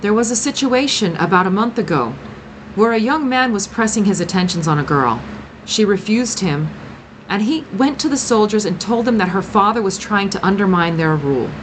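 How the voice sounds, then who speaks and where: A woman voicing a grim, protective woman who cares for rescued girls, speaking gravely and with measured care in an audiobook reading. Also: mid-range voice, animated, a little hiss or hum, voice pushed up, lightly acted.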